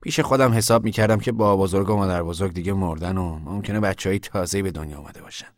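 A man's voice: low voice, no room sound, clean studio sound, close to an everyday voice. An actor playing an earnest young male drifter in a radio drama, speaking in an insistent way. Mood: hopeful. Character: young male drifter, stubborn yet hopeful.

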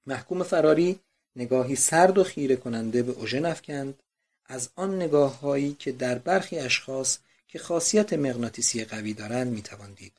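Brief: male narrator, expressive, measured literary reading. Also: mid-range voice. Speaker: audiobook narrator.

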